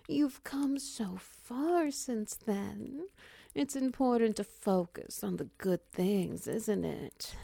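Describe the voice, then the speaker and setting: A woman performing an intimate audio roleplay, speaking slowly and softly with a teasing manner that often drops into whispers. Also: medium pitch, vocal fry, dry recording. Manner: slow, soft and teasing, dipping into whispers.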